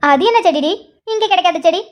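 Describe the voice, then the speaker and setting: A woman's voice: very high-pitched, fairly quick, dull audio. A woman voicing a preachy village mother who scolds her grown daughter. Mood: nagging. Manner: nagging, preachy.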